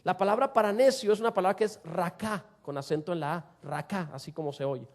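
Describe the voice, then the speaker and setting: Male preacher, high-pitched, sermon, rhetorical questions, loud then hushed. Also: lively intonation, very fast. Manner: rhetorical questions to the congregation, wide swings in loudness. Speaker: pastor.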